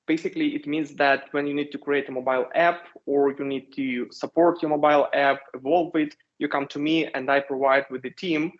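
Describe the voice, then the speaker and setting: A man in his thirties from Ukraine with a Ukrainian accent, a company founder giving measured interview answers with frequent hesitations. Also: a little high, fairly even intonation. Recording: dull lo-fi sound.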